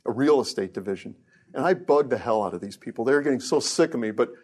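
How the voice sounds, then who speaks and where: A middle-aged man lectures on hardware research in a relaxed, offhand way. He drops wry jokes into the technical points and often stumbles and restarts mid-sentence. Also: medium pitch, fast, breathy edge. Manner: casual, joking asides, frequent restarts. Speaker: research engineer giving a lecture.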